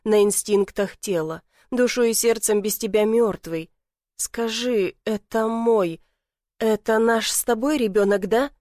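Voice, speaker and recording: A woman's voice: a little high, a little slow, mellow, no echo, clean studio sound, lightly acted. A woman voicing a remorseful man in his forties who pleads emotionally with his lover, read as an audiobook character. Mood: tender pleading.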